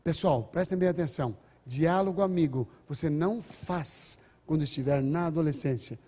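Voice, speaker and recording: A man's voice: on the high side, moderate pace, mellow. Older man lecturing in a reverberant hall. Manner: earnest, acts out parent and child exchanges. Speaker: speaker on parenting. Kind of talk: lecture to a large audience.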